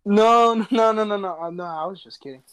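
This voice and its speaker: A man's voice: sits high, a little fast, fairly bright tone. A young man in casual chat with a friend, laid-back and joking, sometimes searching for the right word.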